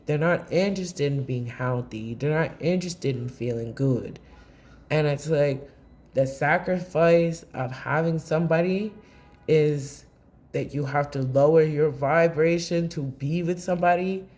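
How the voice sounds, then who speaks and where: A woman's voice: deep voice, darkish tone. A woman reads tarot straight to camera in a loose, rambling monologue. She is blunt and impassioned, and she swears freely. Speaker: tarot reader. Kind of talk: casual tarot reading monologue.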